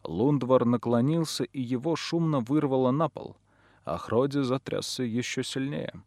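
A man narrating a first-person audiobook, measured and dramatic. His voice sits at a middle pitch. The recording is dry and close, with no room sound. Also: a little mellow, dry recording.

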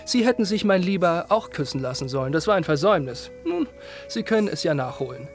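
A man's voice: a little high, very animated, a little fast, faint music behind. An actor playing a flippant, teasing male acquaintance in a radio play, talking in a mocking, theatrical way.

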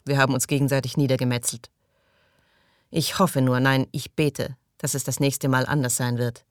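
Guy reading as a calm crew boss, soft and a bit mocking, dry close sound, storybook. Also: medium pitch, moderate pace, smooth, no echo, natural voice. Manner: gentle, even, dryly mocking.

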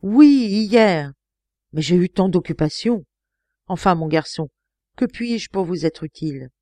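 A woman's voice: on the low side, expressive, unhurried, warm tone, dry recording. A woman reading an audiobook, voicing a genial, blustery male police commissioner with hearty exclamations.

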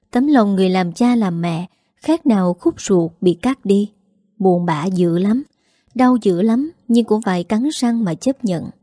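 A woman's voice: medium pitch, dark tone, dry recording, studio quality. A woman with a Southern Vietnamese accent narrating a story in a plain, conversational way.

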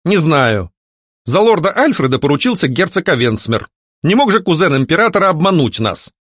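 A man's voice: on the high side, very animated, moderate pace, a bit bright, dry recording, studio quality, pitched above the performer's own voice. A man voicing a fat middle-aged baron who blusters angrily and scornfully. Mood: indignant. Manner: blustering, irritable.

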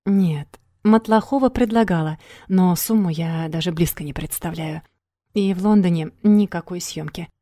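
A woman reads as a weary young woman in an audiobook, subdued and resigned. The voice is low and warm, with a dry, close sound. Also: moderate pace, dry recording, natural voice. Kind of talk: audiobook character reading.

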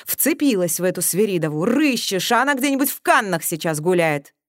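Жёсткий, угрожающий мужчина средних лет, интриган-начальник, говорит отрывисто и холодно, его озвучивает чтица. Звучит как сцена из аудиокниги, голос сухой, без гулкости. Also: female voice, mid-range voice, big pitch swings, fairly quick, no room sound, clean studio sound, natural voice. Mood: menacing. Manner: curt, menacing. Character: middle-aged male scheming official, cold and threatening.

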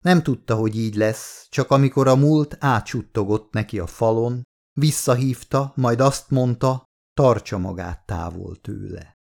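A man reading a novel aloud as an audiobook narrator, in a measured storytelling manner. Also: medium pitch, gravelly, darkish tone.

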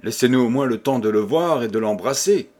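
A courteous, bewildered widowed lady, read by a man, speaking low and affectionately. The delivery is gentle and a little hushed. It comes as storybook audiobook dialogue at a middle male pitch. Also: lively intonation, a little fast, close to an everyday voice. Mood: troubled. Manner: soft, affectionate.

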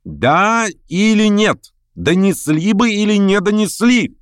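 Brief: scheming young man, pushy and sharp, voice pitched up and swinging wide, a male reader acting him. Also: big pitch swings, normal speed, no echo, clean studio sound. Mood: needling. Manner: insistent, needling, raised voice.

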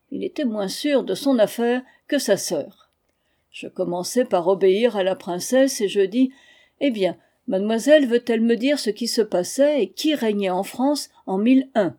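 A woman reading a literary memoir aloud in a measured, expressive audiobook narration. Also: mid-range voice. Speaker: audiobook reader.

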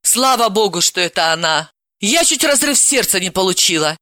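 A woman voicing a hot-tempered young woman who scolds and snaps in a high, indignant voice, in a storybook reading. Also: expressive, normal speed, bright, forceful tone, dry recording, clean studio sound. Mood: scolding.

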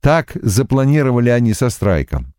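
Lively male audiobook narrator. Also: mid-range voice, clean tone, dry recording, clean studio sound. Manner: expressive, measured reading.

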